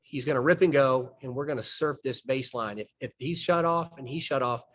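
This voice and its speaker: A man's voice: medium pitch, fairly quick, fairly bright tone. A man, a basketball coach walking through game film and explaining plays step by step in a folksy way. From southern United States. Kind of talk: film breakdown conversation.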